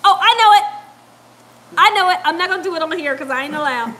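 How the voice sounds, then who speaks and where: A middle-aged woman, hosting a casual livestream from her home kitchen and reading out chat, laughing often and chatting in an animated way. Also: very high-pitched, quick pace. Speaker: cooking channel host reading live chat. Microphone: lapel mic.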